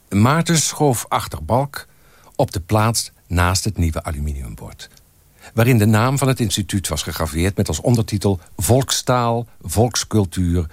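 A man reading aloud from a novel in an expressive, lively way. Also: deep voice, no echo.

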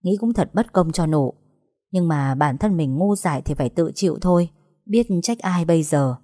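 A woman narrating a dramatic family story in a steady storytelling manner. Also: low-pitched, normal speed, no room sound, studio quality.

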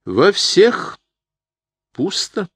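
A man's voice: high voice, sing-song, extremely slow, husky, no echo, voice pushed up, heavily acted. A man voicing a moody middle-aged woman fortune teller who gives clipped, ominous card readings.

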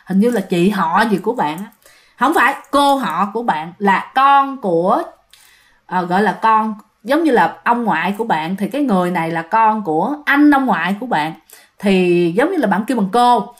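Animated woman storyteller. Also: medium pitch, moderate pace. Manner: animated, addresses listeners directly. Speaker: ghost story narrator.

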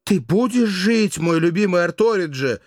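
A man's voice: steady tone, moderate pace, a little mellow, husky, no room sound, clean studio sound, lightly acted. A man voicing Mirdza, a desperate young woman in a storybook. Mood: passionate pleading. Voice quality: strained falsetto, pleading. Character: young woman, desperate, grieving, passionate lover.

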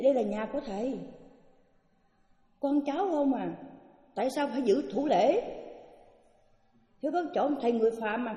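An older woman, a Buddhist teacher giving an anecdotal dharma talk, acting out the voices of the people in her stories. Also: sits high. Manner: animated storytelling, acts out quoted speech. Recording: echoey hall, dull lo-fi sound.

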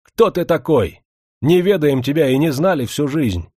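A man voicing an angry crowd of factory workers shouting at their owner in an audiobook. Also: sits high, lively intonation, moderate pace, no room sound, studio quality, voice pushed up. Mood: menacing.

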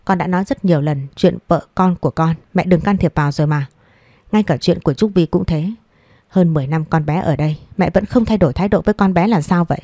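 A woman's voice: lowish voice, fast talker, mellow, no room sound, clean studio sound, natural voice. A woman voicing an adult man, a weary son standing up to his mother in an audio story, speaking firmly. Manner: firm, tired.

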